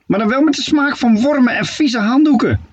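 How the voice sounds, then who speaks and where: A man voicing a shrill, bickering old witch who screeches scornful insults in a storybook reading. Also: fairly quick, husky, lo-fi sound.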